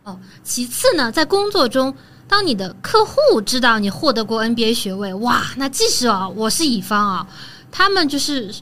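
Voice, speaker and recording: A woman talking as a guest in a casual podcast conversation, relaxed and chatty, often ending phrases with soft particles. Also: a little high, normal speed.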